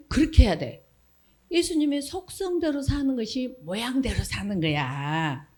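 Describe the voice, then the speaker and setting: A middle-aged woman giving a Sunday school sermon, quizzing children with questions and acting out little voices. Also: sits high. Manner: animated question-and-answer with children, acts out voices. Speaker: children's ministry preacher.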